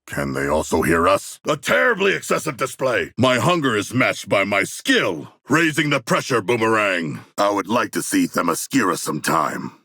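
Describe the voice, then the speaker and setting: An actor voicing a huge, earnest, bloodthirsty humanoid shark warrior for a video game, speaking gravelly, formal and grandiose lines. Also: male voice, on the low side, big pitch swings, normal speed, hardly any pauses, pushed and bright, no echo, studio quality, exaggerated voice. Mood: musing. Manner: formal, stilted, grandiose diction. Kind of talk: video game character voice acting.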